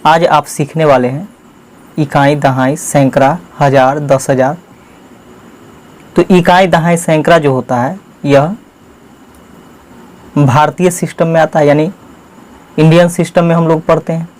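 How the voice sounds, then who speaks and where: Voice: mid-range voice, fairly even intonation, unhurried, long pauses, darkish tone. Patient teacher counting out place values. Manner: patient, repeats and counts out terms one by one. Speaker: teacher and channel host. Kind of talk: step-by-step maths lesson for children.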